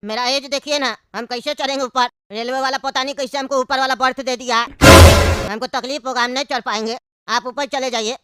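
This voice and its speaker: A woman's voice: high voice, bright, forceful tone, smooth, dry recording, studio quality. A woman voicing a fussy elderly man on a train, complaining and pleading in a cartoon comedy.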